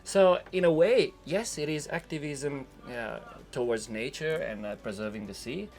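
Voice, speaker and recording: Male sailor as interview guest, creaky voice, informal reflective talk with light music underneath. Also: on the high side, normal speed, darkish tone. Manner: philosophical, rambling, informal.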